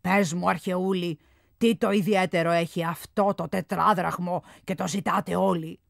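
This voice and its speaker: A woman voicing the stern, mocking god Hermes in a storybook reading, speaking slowly. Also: fairly low pitch, fairly even intonation, vocal fry, no room sound, studio quality. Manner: slow, stern and teasing.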